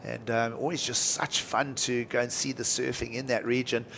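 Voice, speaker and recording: A man's voice: mid-range voice, flat delivery, normal speed, vocal fry, fairly bright tone, slight background noise. Surf contest announcer, male, middle register. Colloquial, enthusiastic live sports commentary.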